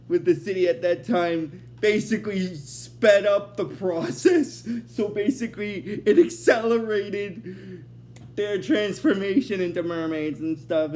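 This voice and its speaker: A man with a notably high voice talks through an episode recap in a loose, unscripted way. He rambles, restarts his sentences and keeps reaching for "basically." A faint hiss sits under his voice. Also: a little mellow. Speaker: host of an episode recap series.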